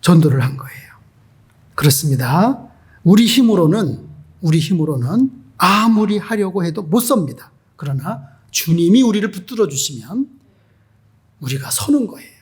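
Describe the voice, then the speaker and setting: A male pastor delivers a Sunday sermon with a high-pitched, slightly husky voice. He preaches emphatically and keeps turning to the congregation with rhetorical questions. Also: big pitch swings, normal speed, a little mellow.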